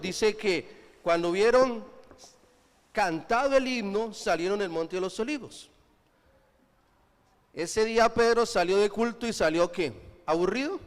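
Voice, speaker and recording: A man preaching a sermon, often prompting the congregation with questions for them to finish. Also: high-pitched. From Colombia. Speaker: pastor. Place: church. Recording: reverberant church hall.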